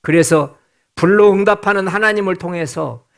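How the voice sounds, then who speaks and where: A man's voice: high voice, normal speed, creaky. A male pastor preaching a sermon in a church, posing questions to the congregation and answering them, stretching out key words for emphasis. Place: church sanctuary.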